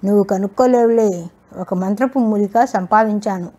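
Brief: woman doing a greedy, shouting landlord for a storybook, impatient and mellow-toned. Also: medium pitch, normal speed, natural voice. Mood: gleeful. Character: greedy, hard-hearted male village landlord. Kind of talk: storybook reading.

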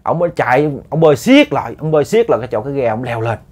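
A man's voice: mid-range voice, racing, a little mellow. Chatty Southern Vietnamese male storyteller. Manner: casual, chatty, many repeated words. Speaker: ghost story host. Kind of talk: storytelling to listeners.

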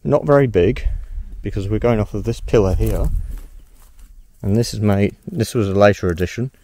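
A man's voice: fairly low pitch, moderate pace, dark tone. A man walking through a ruined house outdoors and musing aloud about what he finds. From Australia. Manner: curious, musing aloud, thinking on his feet. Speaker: exploration vlogger. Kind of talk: casual walkthrough narration.

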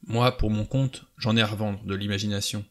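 A man's voice: fairly low pitch, steady tone, a little fast, fairly bright tone, natural voice. A man voicing a cool, self-assured adventurer who teases his companion in an audiobook. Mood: mocking.

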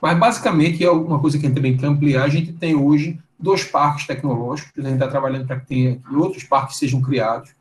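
Man, thirties, from Brazil, online talk over slides, fairly high voice, roomy echo, video call. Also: fairly even intonation, quick pace, hardly any pauses. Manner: conversational, many fillers and tag questions. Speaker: guest lecturer. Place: indoor room. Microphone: webcam on a video call.

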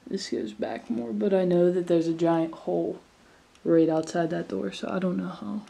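A woman's voice: on the low side, fairly even intonation, normal speed, gravelly, husky, low-quality recording. A young woman vlogging as she explores an abandoned amusement park, chatting casually and trailing off with fillers, recorded on a handheld camera. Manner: chatty, filler-heavy, hushed asides. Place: abandoned amusement park, indoors and outdoors in woods. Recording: handheld camera with loud background noise.

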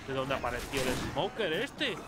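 A man from Spain talking through a zombie game, excitable and cursing freely as he jokes about what he finds. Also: mid-range voice, normal speed, over loud music. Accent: Spain Spanish. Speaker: gameplay commentator. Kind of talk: casual let's-play commentary.

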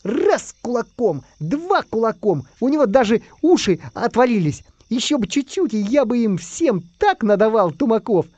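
A man's voice: high voice, sing-song, moderate pace, darkish tone, no echo, voice pushed up. A man voicing a cowardly, boastful male spy and robber in a whiny, squealing way. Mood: bragging.

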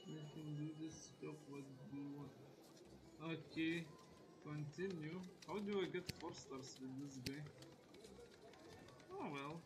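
A man's voice: fairly high pitch, slow, long pauses. A man casually commenting on a game as he plays, laid-back and swearing now and then. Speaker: game streamer. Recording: loud background noise.

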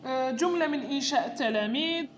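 A woman's voice: high voice, slight background noise. A woman with an Algerian Arabic accent patiently explaining a primary school worksheet to parents, reading each item aloud. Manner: patient and explanatory, reads items aloud then explains them slowly. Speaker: teacher explaining a homework sheet to parents. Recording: echoey room with long reverb.

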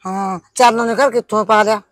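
A woman's voice: mid-range voice, fairly even intonation, a little fast, dry recording, lightly acted. A woman playing a gossipy, complaining old village woman, with a Punjabi accent. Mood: gossiping. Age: older. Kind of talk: village comedy drama.

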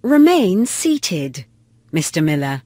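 A woman reading short English phrases slowly and deliberately for a language course, pausing between each. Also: fairly low pitch, sing-song, mellow, no echo, studio quality. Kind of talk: slow scripted phrasebook reading.

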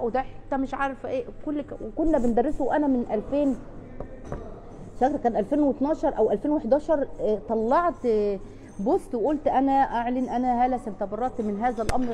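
Fast-talking Egyptian woman, mellow voice. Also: a little high, slight background noise. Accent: Egyptian Arabic. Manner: chatty, fast, with frequent restarts and emphatic repeats. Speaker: family counselor answering viewers. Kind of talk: casual live chat answering questions.

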